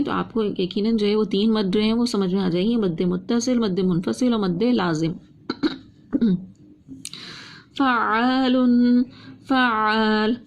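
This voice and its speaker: A woman teaching Quran reading, who drags out each word twice in slow recitation, then explains quickly, asking and answering her own questions. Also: mid-range voice, darkish tone, slight background noise.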